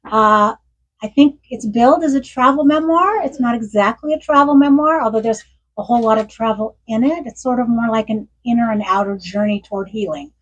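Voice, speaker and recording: A woman's voice: fairly high pitch, brisk, dull audio. A woman in her sixties, an author reading from her memoir and telling stories at a bookstore event, with frequent laughs. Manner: warm storytelling with frequent laughs.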